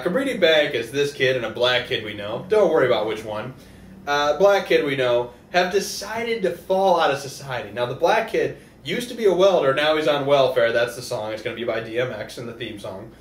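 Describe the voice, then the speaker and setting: A man's voice: mid-range voice, animated, fairly quick. A man co-hosting a comedy show, improvising sketches and banter in a rambling, profane, joking way. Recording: roomy echo with faint background noise.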